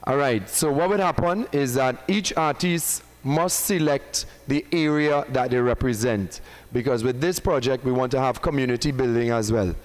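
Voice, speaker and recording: A man's voice: mid-range voice, moderate pace, poor audio. Trinidadian man announcing at a press conference. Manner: emphatic, builds up reveals and banters with the room. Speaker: event presenter at a press conference, himself a performing artist.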